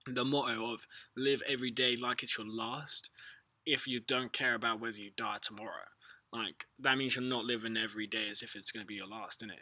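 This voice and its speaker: A man's voice: mid-range voice, sharp tone, no room sound. A British man chatting casually as a livestream host, with a laid-back, slangy, sweary stoner way of talking. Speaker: livestream host answering viewers. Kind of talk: casual rambling chat.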